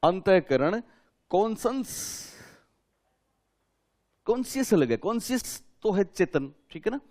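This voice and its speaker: A man teaches a class in a fairly high voice. He keeps putting questions to his students and repeats each key term several times so they can write it down. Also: very animated, takes it slowly, darkish tone. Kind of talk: classroom lecture.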